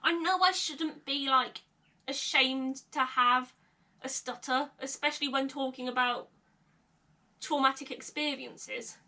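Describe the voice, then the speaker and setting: A young woman films a candid confessional vlog in her bedroom, her high voice steady, bright and forceful at a measured pace. She stutters now and then and laughs nervously. The camera mic sits a short distance away, so she sounds slightly distant.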